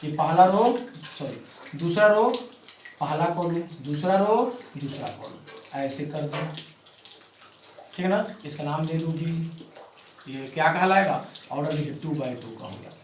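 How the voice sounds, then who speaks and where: Recorded from a distance with a noisy background, this is a male maths teacher whose voice is a little high. He explains a lesson slowly, step by step, repeatedly checking in with his students, and the room echoes.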